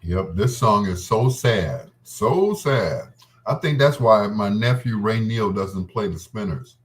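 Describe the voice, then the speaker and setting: A radio host with a low, expressive voice talks slowly, telling personal stories between love songs. His storytelling is casual, rambling, and full of reminiscence.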